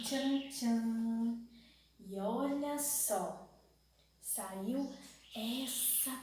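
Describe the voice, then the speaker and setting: A Brazilian woman teaching young children a phonics lesson, asking slow sing-song questions and stretching out syllables. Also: fairly high pitch, a little mellow, very echoey, distant mic, slight background noise, poor audio. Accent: Brazilian Portuguese.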